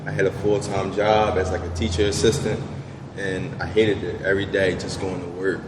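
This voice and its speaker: Low flat-voiced man, echoey room. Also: normal speed. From Southwest Philadelphia. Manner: laid-back, many fillers like "you know". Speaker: business owner guest. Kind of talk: casual interview answers. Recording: echoey room with background noise.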